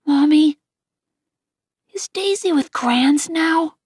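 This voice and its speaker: A woman voicing a gentle, tearful young boy who asks soft, pleading questions in a husky voice. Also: sits high, takes it slowly, dry recording, clean studio sound, voice pushed up. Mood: wondering.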